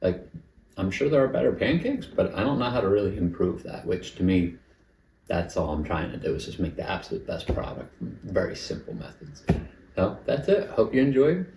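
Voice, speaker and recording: Deep-voiced man chatting while cooking. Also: big pitch swings, normal speed, gravelly, echoey room, recorded from a distance, noisy background. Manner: chatty, self-critical, talks while eating. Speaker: home cooking channel host. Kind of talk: casual cooking vlog with tasting.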